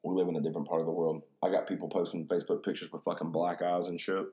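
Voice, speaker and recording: A man's voice: deep voice, flat delivery, rapid-fire, warm tone. A man hosting his podcast in a casual, rambling way, slangy and profane, a little tipsy from drinks. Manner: laid-back, slangy and profane, full of "dude" and "bro". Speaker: podcast host.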